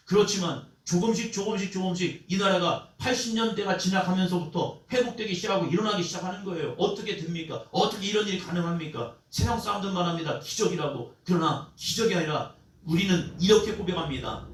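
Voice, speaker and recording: A young male pastor preaching a Sunday sermon with call-and-response, building up to shouted cries. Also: high voice. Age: young adult. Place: church sanctuary. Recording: echoey church hall, mic at a distance.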